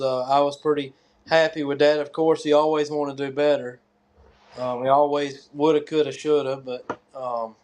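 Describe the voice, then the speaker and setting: A man from North Carolina with a Southern US accent, answering interview questions casually and haltingly as a competitor. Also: fairly high pitch. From North Carolina, USA. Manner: hesitant, halting. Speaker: tractor pull competitor and track organizer.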